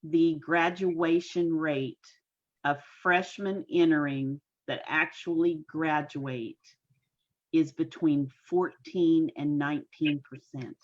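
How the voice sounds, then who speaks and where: A folksy woman in her sixties with a low, deep-set voice speaks earnestly and at a measured pace as an interview guest. Her voice comes through a video call that sounds dull and lo-fi. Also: fairly even intonation. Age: 60s. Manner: folksy, homespun phrasing. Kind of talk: casual interview talk.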